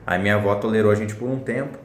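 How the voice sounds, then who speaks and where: Young guy ranting fast, blunt and slangy, lowish voice, echoey room. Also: steady tone. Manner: blunt, slangy, swears a lot. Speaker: vlogger telling a personal story. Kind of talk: casual storytelling to camera. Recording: roomy echo.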